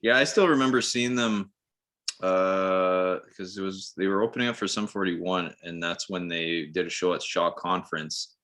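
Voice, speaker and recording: A man hosting a podcast in easygoing casual chat, quick to laugh and swearing casually. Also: sits low, fairly bright tone. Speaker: podcast host.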